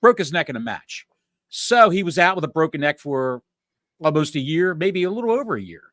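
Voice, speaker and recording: A man's voice: a little high, big pitch swings, fairly quick, fairly bright tone, no room sound. A man co-hosting a podcast, explaining things in a dry, matter-of-fact way in casual chat. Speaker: podcast co-host.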